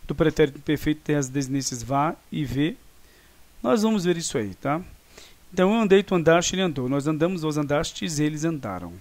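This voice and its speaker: Man, Brazilian Portuguese accent, fairly high voice, patient teacher, frequent check-ins. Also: brisk, a little mellow. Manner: explains patiently, checks in with "tá?" and "tá bom?". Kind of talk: online grammar lesson.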